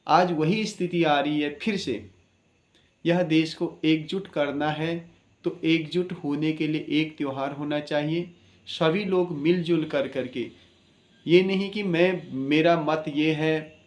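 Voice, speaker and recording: A man speaking as an astrologer, delivering an earnest, preaching address at an ordinary middle pitch. He presses his points with rhetorical questions. The room around him is echoey. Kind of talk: impassioned spoken address.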